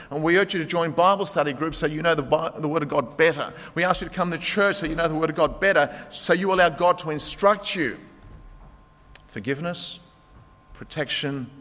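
A pastor of Greek heritage preaches a sermon in a church sanctuary, his high-pitched, sharp voice rising in impassioned, emphatic calls to act now. The recording carries the long reverb of a large hall.

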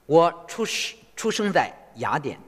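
A man interpreting a sermon phrase by phrase in an animated way. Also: a little high, normal speed, breathy edge. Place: church hall. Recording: long reverb of a church hall.

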